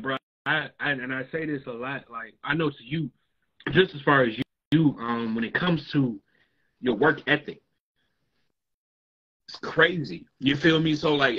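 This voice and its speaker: A man in casual chat on a livestream, with a husky voice and laid-back slang, often asking "you feel me". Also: medium pitch, pushed and bright. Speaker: co-host.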